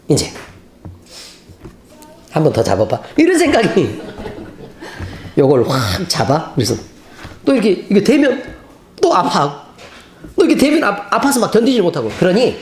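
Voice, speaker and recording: Pastor, male, animated storytelling sermon. Expressive pitch, roomy church acoustics. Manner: animated storytelling, acting out scenes. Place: church sanctuary. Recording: roomy church hall, faint noise.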